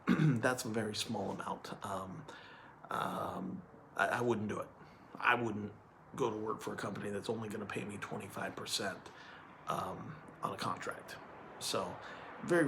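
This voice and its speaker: A man's voice: medium pitch, slight background noise. A man working as an insurance hiring manager, explaining in an earnest monologue that repeats points and checks in with "okay?". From California.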